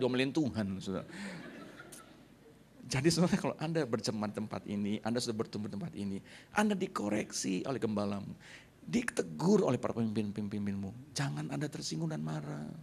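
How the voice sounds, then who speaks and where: Animated middle-aged pastor preaching. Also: male voice, fairly high pitch, gravelly. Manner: animated preaching, acting out scenes with sound effects. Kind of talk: sermon.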